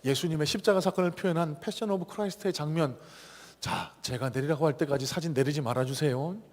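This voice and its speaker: A male pastor preaching a sermon with passion, moving between hushed whispers and loud, pleading appeals to the congregation. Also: fairly high pitch, quick pace, big-room sound. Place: church sanctuary.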